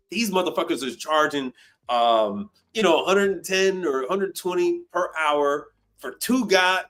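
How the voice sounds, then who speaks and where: A man in his fifties with a high voice hosts a casual call-in live stream. He is blunt and profane and often repeats himself for emphasis.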